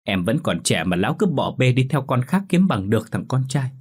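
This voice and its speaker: A man's voice: on the low side, expressive, normal speed, breathy edge. A man voicing a jealous young wife who pleads through sobs in a ghost story audiobook. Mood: tearful pleading. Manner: pleading, sobbing complaints. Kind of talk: audiobook character voice.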